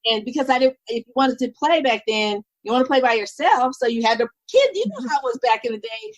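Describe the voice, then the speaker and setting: A woman in her fifties, a podcast guest, telling her story in a lively, animated way and acting out what people said. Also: fairly high pitch, a little fast, no room sound, low-quality recording. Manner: lively, animated, acts out quoted dialogue. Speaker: podcast guest, nurse and business owner. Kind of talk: casual conversational storytelling.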